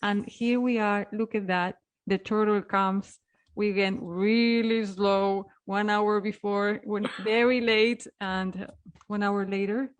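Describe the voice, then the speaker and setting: A woman's voice: medium pitch, fairly even intonation, slow pace. Event host, woman, gushing and apologetic, loose live-stream delivery. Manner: effusive, apologetic, repeats "beautiful" and "amazing". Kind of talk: casual live-stream hosting.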